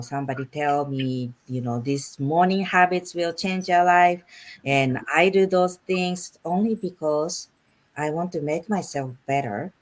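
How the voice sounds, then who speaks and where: Woman, middle-aged, from japan, slow, earnest, halting. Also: low-pitched. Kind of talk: casual group video chat.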